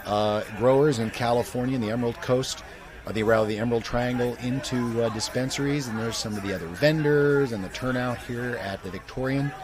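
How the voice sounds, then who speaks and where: A man co-hosting a casual chat show, talking haltingly with many fillers and restarts. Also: mid-range voice, crowd noise. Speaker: co-host.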